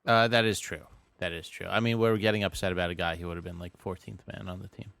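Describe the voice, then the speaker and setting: Lowish-voiced guy cohosting a sports podcast, dry straight man, no room sound at all. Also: fairly even intonation, fast, vocal fry, a bit bright, no echo. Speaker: podcast co-host. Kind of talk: casual sports chat.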